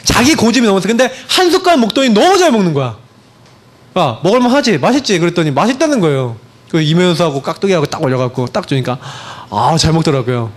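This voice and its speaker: A man's voice: a little high, animated, quick pace. A man in his thirties, a pastor, preaching a conversational sermon full of rhetorical questions and acted-out anecdotes. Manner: acts out his own lines to his child.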